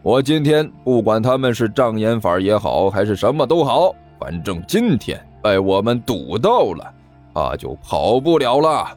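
A man's voice: fairly low pitch, big pitch swings, measured pace, a little mellow, faint music behind. A man doing a sneering gang boss. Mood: scornful. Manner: scornful, snappish, sneering. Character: sneering gruff male gang boss, mean robber.

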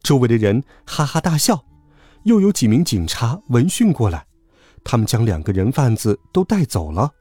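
A man narrating a children's story with a voice that rises and falls in a very animated way. His tone is mellow and a little husky. The recording is dry and close, with light music underneath. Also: mid-range voice, moderate pace, dry recording. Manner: lively, animated.

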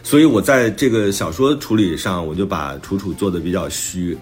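Here an author and podcast host talks about his own book in a casual, reflective way. His voice is low and his pace moderate. Music plays behind the conversation.

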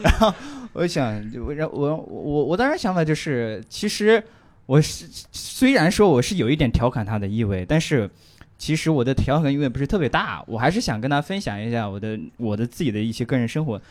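A man's voice: mid-range voice, sing-song, fairly quick, darkish tone. A man telling a story on a comedy chat show, hesitant, repeating words and laughing at himself. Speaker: comedian guest. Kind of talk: casual comedy podcast chat.

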